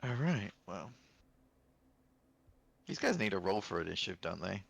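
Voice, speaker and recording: A man running a tabletop game, relaxed and joking with the players. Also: low-pitched, normal speed, creaky, breathy edge. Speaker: game master. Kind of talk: casual tabletop game play.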